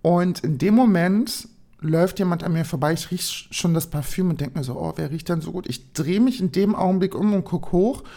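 A woman's voice: fairly low pitch, moderate pace, warm tone. A woman vlogger telling an imagined story in the first person, rambling and dreamy with lots of fillers. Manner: rambling, full of so and ähm fillers; dreamy, daydreaming tone.

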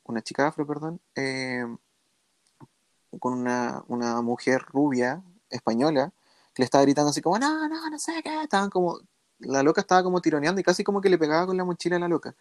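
A young man with a Chilean accent, co-hosting a casual podcast, animated and slangy as he tells stories. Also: fairly high pitch, fast talker, no room sound. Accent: Chilean Spanish. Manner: animated, acts out quotes, slangy. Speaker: podcast co-host. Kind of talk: casual storytelling chat.

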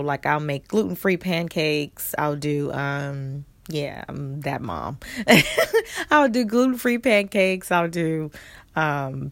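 Woman, thirties, low gravelly voice, dry close mic, chatty storytelling. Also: no echo. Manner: chatty, laughs often, acts out her own lines. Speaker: vlogger. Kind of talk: casual storytelling.

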